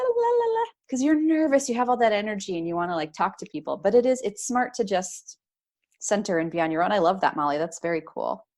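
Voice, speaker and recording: A woman hosting a casual panel chat, asking questions and summing up the others' points. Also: mid-range voice. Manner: warm moderator, asks and sums up. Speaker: host.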